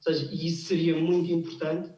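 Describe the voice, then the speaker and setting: A man, an anthropologist guest on a studio talk show, speaking in a measured way with small restarts. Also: fairly high pitch, level tone, warm tone. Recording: roomy, distant and slightly dull sound.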